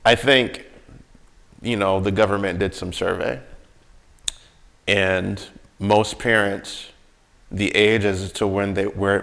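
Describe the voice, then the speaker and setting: An American man with a fairly low, gravelly, creaky voice and a fairly bright tone talks casually and reflectively, working through his personal experience. He's conversational and often tags his points with little questions seeking agreement.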